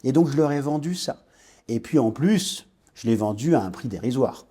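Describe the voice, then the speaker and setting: Warm and husky, his mid-range voice carries lively intonation at a normal pace. He is a man in his forties from French Guiana, recounting his entrepreneurial path as a podcast guest in a reflective way, with many pauses and false starts.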